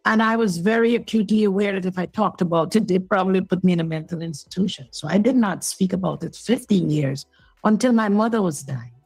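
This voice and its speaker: A woman's voice: medium pitch, fairly quick, darkish tone, breathy edge, no echo, faint music behind, low-quality recording. A woman in her sixties from Guyana, telling her story as an interview guest and minister, earnest and explanatory. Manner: earnest, explanatory, checks in with the listener.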